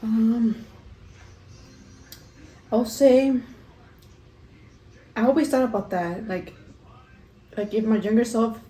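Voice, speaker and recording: A woman's voice: fairly high pitch, takes it slowly, pauses often, mellow. A young adult woman chatting casually and ramblingly during a food vlog, saying "like" often, recorded in a kitchen. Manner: rambling, frequent "like". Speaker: vlogger doing a mukbang Q&A. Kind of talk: casual chat to camera while eating. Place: roomy kitchen at home, indoors. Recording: echoey room with faint background noise.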